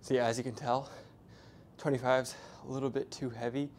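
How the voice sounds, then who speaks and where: This young adult man, a fitness vlogger, chats to a distant camera through a small clip-on mic while resting between sets in a little hotel gym. He rambles in a laid-back way, full of fillers, with a medium-pitched, flat, brisk, somewhat mellow voice. There's slight background noise.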